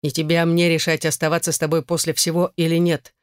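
A gruff, resentful husband in an audiobook, as the narrator reads him. He speaks at about the reader's own pitch. The recording is dry and close. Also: completely flat delivery, fast talker, dry recording, natural voice. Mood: stern. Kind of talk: audiobook character voice.

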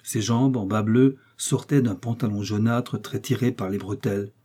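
Male audiobook narrator, mid pitch, dark and husky, measured literary reading. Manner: measured, even storytelling delivery.

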